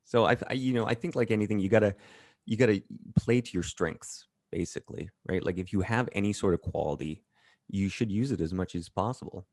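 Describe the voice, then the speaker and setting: A man talking as an interview guest, blunt and profane, telling animated stories in a casual chat. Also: lowish voice, brisk, dry recording, clean studio sound.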